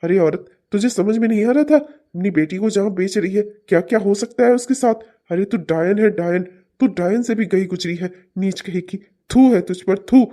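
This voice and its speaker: A man's voice: high voice, dark tone, lightly acted. A man voicing an angry, protective village father in a cartoon who scolds furiously. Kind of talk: cartoon voice acting.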